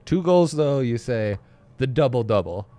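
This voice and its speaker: A man's voice: mid-range voice, lively intonation, a little slow, warm tone. A man co-hosting a sports betting podcast, trading jokes and wry banter in casual chat.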